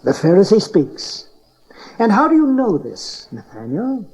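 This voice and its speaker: A man's voice: sits high, huge pitch swings, unhurried, a little mellow, husky, heavily acted. An actor playing an old, scornful, scheming tyrant king in a dramatized audio Bible, with an imperious, sneering manner. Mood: cold scheming. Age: older. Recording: dull cassette tape transfer.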